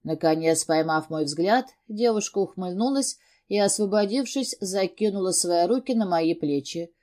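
A woman reading a first-person story aloud as an audiobook narrator, in an even, steady storytelling manner. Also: fairly low pitch, normal speed.

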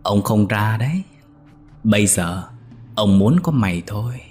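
A man's voice: on the low side, expressive, unhurried, darkish tone, soft background music. A man voicing an older lecherous master who talks in a sly, gloating, threatening way. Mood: leering.

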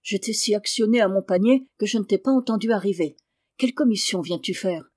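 A woman reading the lines of a playful, good-natured farm boy in a storybook, in a lively tone. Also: mid-range voice, a little fast, no echo, clean studio sound, lightly acted.

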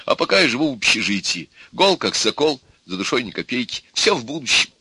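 A man's voice: mid-range voice, very animated, brisk, bright, forceful tone, husky, no echo, pitched above the performer's own voice, full character voice. A man voicing a nervous, eager young student suitor who makes speeches. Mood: earnest.

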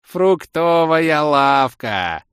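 A man voicing an eccentric, bossy bald male elf who announces things in a loud, drawn-out way. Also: mid-range voice, lively intonation, no echo, clean studio sound, lightly acted. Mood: announcing.

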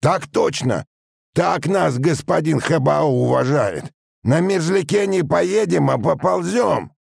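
A man voicing a train driver with a muffled but strong, spiteful voice, shouting angrily. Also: a little high, a little slow, gravelly, dry recording, studio quality, voice pushed up, heavily acted. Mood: angry. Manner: angry shouting.

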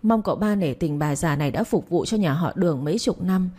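A woman reading the part of an old female servant who hurls abuse and then pleads, in a low, mellow voice. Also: expressive, fairly quick. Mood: pleading.

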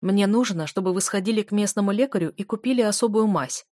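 A woman reading the lines of a worldly, wry man of about fifty in an audiobook, speaking in an unhurried, amused way. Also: medium pitch, mellow, dry recording, studio quality, natural voice. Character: dry, ironic 49-year-old man, worldly.

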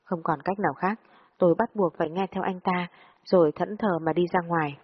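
A woman narrating a dramatic first-person story in a steady, sorrowful way. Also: fairly low pitch, brisk, breathy edge. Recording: dull lo-fi audio with long reverb.

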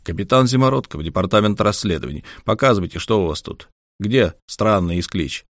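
A man voicing a calm, tired, terse police investigator in an audiobook. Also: on the low side, a little fast, dry recording, clean studio sound. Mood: weary. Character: weary, calm male police investigator captain. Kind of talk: scripted audiobook character acting.

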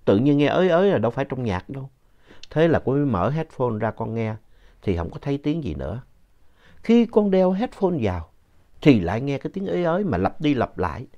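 A man narrating a ghost story in a conversational, lively way with asides to the listener. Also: mid-range voice, fairly quick. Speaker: story reader. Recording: dull lo-fi sound.

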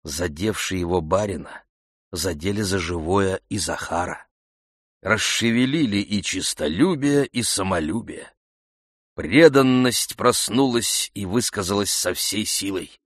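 A man narrating a classic novel in a measured, even manner. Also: low voice, no echo, studio quality. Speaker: audiobook narrator.

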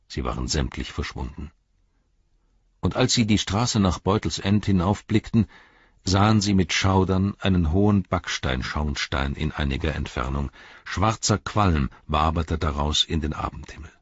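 A man narrating an audiobook with expressive storytelling. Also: deep voice, husky, dry recording, dull audio. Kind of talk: scripted narration.

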